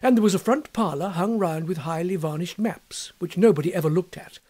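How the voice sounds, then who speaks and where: A man reading a classic story aloud in a wry, measured narrating style. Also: high-pitched, darkish tone. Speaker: audiobook reader.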